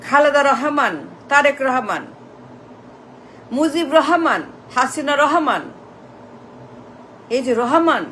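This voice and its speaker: A woman's voice: sits high, animated, takes it slowly, pauses often, a bit bright, slight background noise, low-quality recording. A woman delivering an impassioned political rant, repetitive and mocking, mixing in English phrases. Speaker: political commentator.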